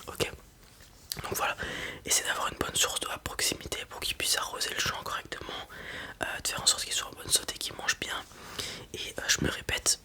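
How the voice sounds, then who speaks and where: Someone acts out a breeder helping a customer in a whispered ASMR roleplay, offering relaxed, stepwise guidance that includes hesitant moments and little check-ins along the way.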